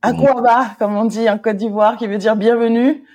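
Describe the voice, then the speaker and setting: A woman's voice: fairly high pitch, steady tone, moderate pace, dark tone. A woman from Paris hosting a casual podcast interview, questioning her guest in a friendly, teasing way. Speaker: podcast host.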